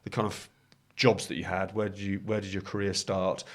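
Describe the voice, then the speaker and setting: A man's voice: low-pitched, level tone, brisk. A man hosting an interview, asking rambling questions that he rephrases as he goes. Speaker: interviewer, host. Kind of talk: casual interview chat.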